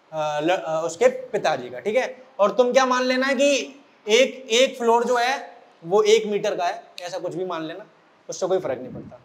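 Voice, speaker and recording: A high-pitched male teacher telling a story in a lively way, speaking straight to his students. He is from central India and uses the tale to set homework. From Morena, central India. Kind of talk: storytelling lesson. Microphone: recording for an online class video.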